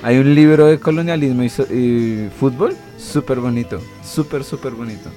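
A man in a casual talk show, chiming in with quick quips and short asides. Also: mid-range voice, over music. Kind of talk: casual literary discussion.

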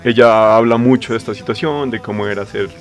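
A man joins a casual discussion in a laid-back, slangy manner. His voice sits on the low side. Faint music runs underneath. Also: steady tone, brisk.

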